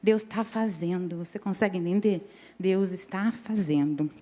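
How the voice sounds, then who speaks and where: A woman's voice: on the low side, moderate pace, dark tone. Chatty woman preaching in church. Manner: conversational, often asks the congregation "né?". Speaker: preacher at a women's service. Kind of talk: sermon with personal stories.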